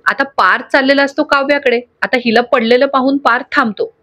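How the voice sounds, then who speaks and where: A woman retelling a TV serial episode in a lively, expressive way. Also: high voice, a little fast. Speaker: storyteller.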